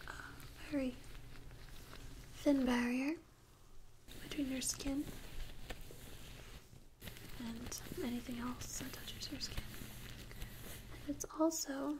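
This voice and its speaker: A woman whispers softly into a close binaural microphone, playing a tattoo artist for ASMR and giving unhurried, gentle instructions in a breathy voice. She sits high with fairly even intonation, and noise is audible in the recording.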